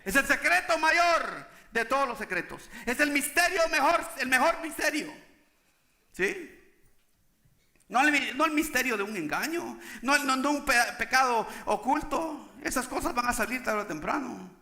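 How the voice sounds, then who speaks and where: High, bright-voiced preaching man. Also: lively intonation, moderate pace, vocal fry, echoey room. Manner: emphatic preaching with repeated "¿sí?" to the congregation. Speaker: pastor. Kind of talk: sermon.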